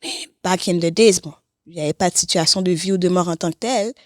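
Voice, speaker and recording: A fast-talking woman with a fairly low voice, from Haiti and Canada, opens up expressively as a guest on a podcast, mixing English phrases into her French during a candid interview. The studio-quality recording has no room sound.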